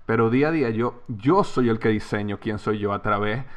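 A man's voice: lowish voice, a little fast. A middle-aged man, an author and company head, talking in a podcast interview with emphatic repetition. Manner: emphatic, repeats himself for stress.

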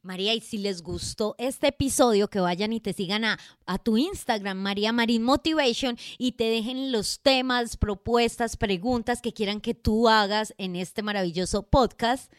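A woman co-hosting a motivational podcast, speaking in a slow, playful way. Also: fairly high pitch, clear, resonant tone, no room sound, clean studio sound. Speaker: podcast co-host. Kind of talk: casual podcast chat.

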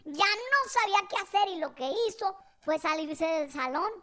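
Woman podcast host, casual slangy storyteller, very high bright voice. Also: animated, moderate pace. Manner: chatty, slangy, tags questions to the listener.

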